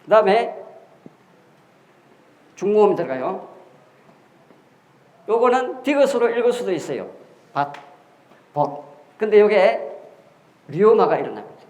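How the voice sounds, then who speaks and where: A man's voice: high-pitched, sing-song, unhurried, pauses often, darkish tone. A man giving a classroom lecture on history and characters, explaining step by step with rhetorical questions and repeated key words. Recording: echoey room.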